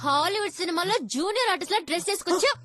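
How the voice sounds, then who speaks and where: An actress in her twenties playing a fiery, insulted young woman, scolding fast with a Telugu accent. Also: very high-pitched, lively intonation, over music. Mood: furious. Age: 20s. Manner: angry, scolding, rapid. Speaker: film heroine.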